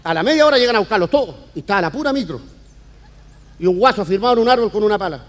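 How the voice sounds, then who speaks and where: Chilean comedian telling jokes in a hall. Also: male voice, high voice, expressive. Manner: rapid slangy storytelling, acting out each character. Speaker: stand-up comedian. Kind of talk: stand-up joke telling. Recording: echoey hall with faint ambience.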